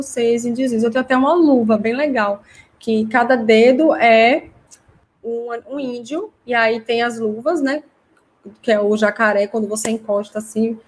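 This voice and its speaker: A woman hosting a live online class for parents, chatty and explanatory as she answers viewer comments. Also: on the high side. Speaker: host teaching parents.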